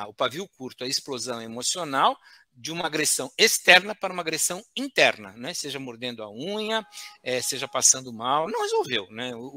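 A man speaks as an expert guest on a talk show, teaching in a didactic way and ending phrases with quick tag questions. His voice is bright and lively, moving a lot in pitch. The sound is dry and close. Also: no room sound. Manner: didactic, with frequent "né?" tags and restarts. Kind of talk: explanatory talk show chat.

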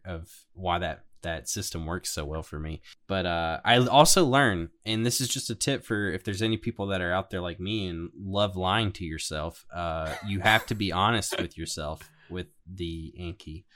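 A man's voice: low-pitched, moderate pace, hardly any pauses, fairly bright tone. A man talking casually as a panelist on a podcast about his study plans.

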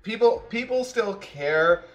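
A man's voice: high-pitched, expressive, takes it slowly. A man co-hosting a podcast in casual chat, opinionated and emphatic, often restarting his sentences. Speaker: podcast co-host.

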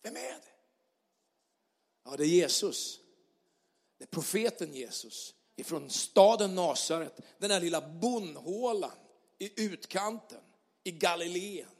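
A man preaching a lively sermon as pastor, moving from loud shouts down to soft, quiet lines. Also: sits high, creaky, long pauses. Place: church hall. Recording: long hall reverb.

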